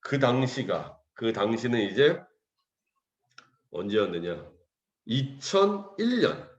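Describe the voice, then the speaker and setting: A man in his forties tells his class a story in a joking, animated way, acting out every voice he quotes. His pitch leaps up and down freely. The sound rings in a roomy echo. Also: takes it slowly, muffled recording. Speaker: English teacher. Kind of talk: casual storytelling to students.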